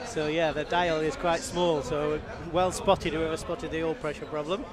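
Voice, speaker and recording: A man's voice: a little high, flat delivery, normal speed. A man commentating as a tractor pull announcer on a livestream, in a chatty co-hosting style. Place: outdoor motorsport arena. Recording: loud crowd, outdoor event noise.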